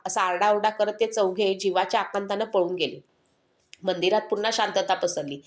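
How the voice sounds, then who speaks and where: Earnest woman storyteller in an echoey room. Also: on the high side. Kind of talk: scripted narration.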